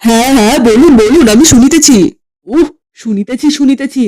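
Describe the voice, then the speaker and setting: A woman's voice: high voice, fairly quick, warm tone, lightly acted. A woman voicing a bumbling middle-aged cartoon man who talks in stiff, old-fashioned formal phrasing. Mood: pompous. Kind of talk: comic cartoon voice acting.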